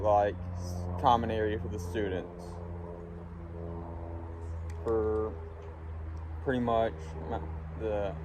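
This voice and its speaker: A young man from Alabama talking in a casual, halting, reflective ramble while smoking a pipe, often trailing off. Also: lowish voice. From Alabama, United States. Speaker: vlogger talking to viewers. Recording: windy, clear background noise. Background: wind.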